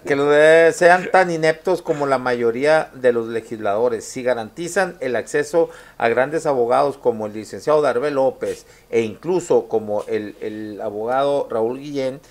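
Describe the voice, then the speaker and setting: A man's voice: mid-range voice, moderate pace, few pauses. A man hosting a live talk show, reading viewer comments aloud in a casual, joking way. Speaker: host.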